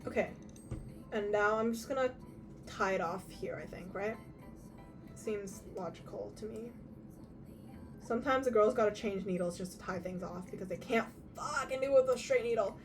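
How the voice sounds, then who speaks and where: A woman's voice: medium pitch, brisk. A young adult woman chatting casually on a livestream in a sweary, slangy, muttering way, heard from far off on a laptop mic. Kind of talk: casual livestream chat while crafting. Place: her room at home. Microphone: far from mic, laptop at a distance. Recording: distant laptop mic, music behind. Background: music.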